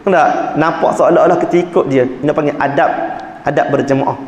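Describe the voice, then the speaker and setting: A man gives a religious book lesson in a mosque, his voice sitting fairly high for a man. He talks conversationally and keeps turning to his listeners with quick check-ins. The hall around him rings with a long, roomy reverb. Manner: conversational teaching, fillers like "nah", "ha", "tak?". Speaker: religious teacher.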